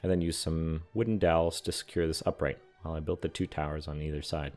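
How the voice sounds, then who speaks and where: A young man giving a calm, matter-of-fact scripted voice-over explaining how he builds a large model. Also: extremely low pitch, fast. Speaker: scale model and terrain builder. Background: soft background music.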